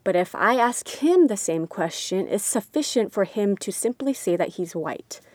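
A woman's voice: medium pitch, expressive, moderate pace, a little mellow, no echo. A young woman from the United States giving candid, wry personal commentary. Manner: candid, wry, exasperated at times.

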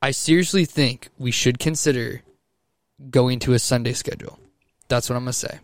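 A man co-hosting a dad podcast from home over a call, jokey and quick to get excited. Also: medium pitch, no echo. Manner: jokey, excitable, laughs often. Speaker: podcast co-host. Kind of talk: casual chat. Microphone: remote call recording.

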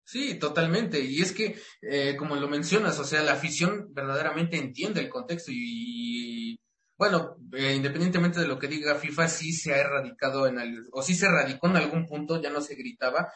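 A man's voice: fairly high pitch, moderate pace, bright, forceful tone, echoey room. A Mexican man co-hosting a football talk show, rambling with many restarts. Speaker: sports show co-host.

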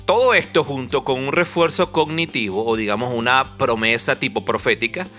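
A man's voice: mid-range voice, moderate pace, sharp tone, soft background music. A man giving a humorous, casual monologue, talking in a conversational, joking way with plenty of asides.

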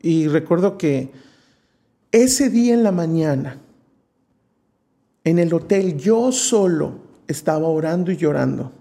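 Preacher with a mellow voice. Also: male voice, on the high side, slow pace, vocal fry, long pauses. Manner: lively storyteller who acts out quoted voices. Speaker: preacher, guest. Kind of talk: telling a personal testimony in an interview.

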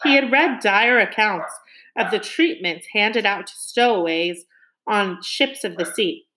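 A woman with a mid-range voice reads a children's novel aloud expressively. She slows down for emphasis and turns to her young listeners with questions.

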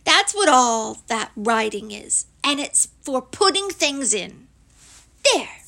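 A woman's voice: sits high, very animated, slow pace, vocal fry, bright, forceful tone, full character voice. A woman voicing a cheerful, simple-minded male teddy bear in a storybook reading, with an eager, sing-song manner.

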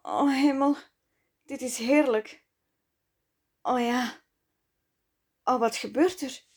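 A woman's voice: high voice, steady tone, slow pace, slightly rough, pitched above the performer's own voice, exaggerated voice. A woman voicing a breathless, surprised young woman, her voice rising in short exclamations. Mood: breathless wonder.

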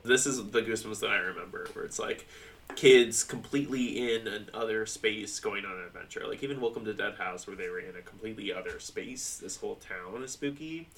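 A man's voice: fairly low pitch, fairly quick, a bit bright, recorded from a distance, slight background noise. A man co-hosting a podcast, chatting loosely about a book and swearing freely. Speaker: podcast co-host. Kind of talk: casual book discussion.

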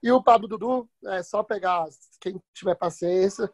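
A man's voice: sits high, normal speed, no room sound. A Brazilian man giving casual, slangy match analysis as a football podcast panelist.

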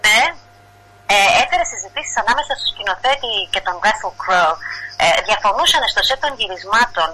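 A woman's voice: medium pitch, lively intonation, pushed and bright, slight background noise, rough recording. A woman from Greece reporting culture news as a correspondent in a casual radio chat, chatty and full of fillers and restarts.

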